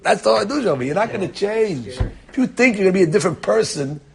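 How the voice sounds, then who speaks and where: Middle-aged male Torah teacher, raspy fry in a somewhat high voice, lively class lecture. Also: fast. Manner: animated, repeats words, acts out quoted people.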